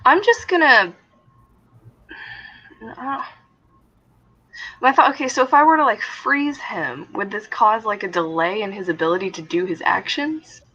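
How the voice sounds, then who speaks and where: A woman's voice: medium pitch, lively intonation, unhurried, pauses often, pushed and bright. A woman playing in a tabletop game, hesitant and thinking aloud, now and then swearing, on a dull lo-fi recording. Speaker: player. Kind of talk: casual game talk.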